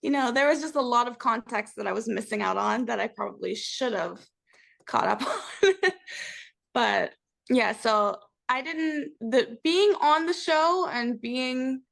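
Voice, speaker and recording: A woman's voice: on the high side, measured pace, gravelly, fairly bright tone. A young woman chatting casually as an interview guest, candid and reflective. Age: young adult. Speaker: interview guest, reality TV cast member.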